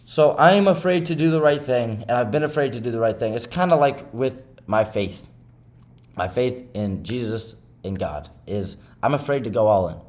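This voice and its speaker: A man's voice: medium pitch, lively intonation, moderate pace, a little mellow. A man vlogging about his day trading, talking to himself in a rambling, self-critical way and often tagging his points with "right?". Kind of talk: candid self-talk monologue.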